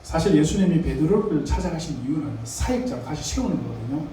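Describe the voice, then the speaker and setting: A man's voice: on the high side, big pitch swings, fast, mellow, a little hiss or hum. A male pastor preaching a sermon in a conversational way, putting questions to the congregation. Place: church sanctuary. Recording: echoey church hall, mic at a distance.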